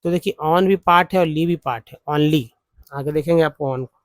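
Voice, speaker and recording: A man teaching English phonics from slides, explaining word parts slowly. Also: a little high, no room sound. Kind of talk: slide-based phonics lesson.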